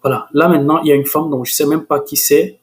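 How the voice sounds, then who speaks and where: A man hosting a screen-recorded software tutorial, hesitant and full of restarts, growing enthusiastic. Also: on the high side, fairly even intonation, fast. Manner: hesitant, many restarts and fillers.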